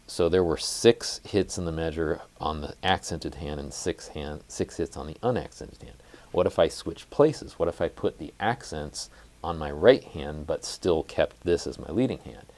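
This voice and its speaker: A man with an exceptionally deep, low voice gives a jazz guitar lesson. He explains rhythm methodically and counts beats aloud. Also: normal speed, a little mellow. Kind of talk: instructional music lesson.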